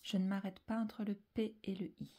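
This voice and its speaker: A woman teaching a slow spelling dictation to young children, calm and deliberate, repeating each syllable and often dropping into a whisper. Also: medium pitch, breathy edge.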